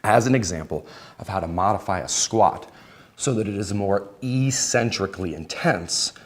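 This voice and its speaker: A fitness instructor with a voice on the low side, speaking at a normal speed, leads a live exercise demonstration in an indoor aerobics room with exercise bikes. He explains things to participants informally and conversationally through a worn clip-on or headset mic.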